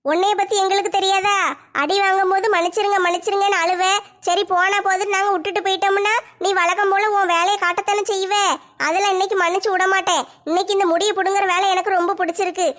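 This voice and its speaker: A woman's voice: extremely high pitch, flat delivery, fast, fairly bright tone, pitched below the performer's own voice. A woman voicing a fierce village woman who taunts and threatens a rival. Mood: menacing. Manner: threatening, taunting, vicious relish. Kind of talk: one-woman comic skit.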